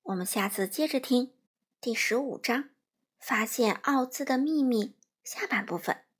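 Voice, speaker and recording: A woman narrating a children's story in a gentle, lively storytelling manner. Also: fairly high pitch, unhurried, husky.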